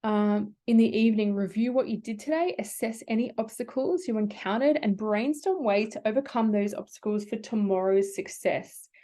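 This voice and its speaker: A woman's voice: a little high, moderate pace, few pauses, dark tone. A woman, a business coach giving a workshop talk, speaking conversationally with many "like"s and restarts. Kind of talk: workshop talk with personal anecdotes.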